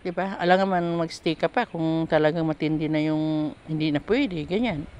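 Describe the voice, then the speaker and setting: Chatty woman, low voice, slight noise. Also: normal speed, darkish tone, lo-fi sound. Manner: candid, rambling storytelling with frequent restarts. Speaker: domestic helper vlogger. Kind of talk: casual chat.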